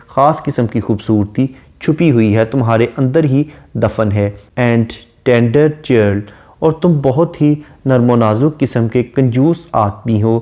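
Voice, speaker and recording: Man, literature lecturer, mellow dark tone, methodical, steady explanation. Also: mid-range voice. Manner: reads verse slowly, then explains at length. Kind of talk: slow line-by-line poem explanation.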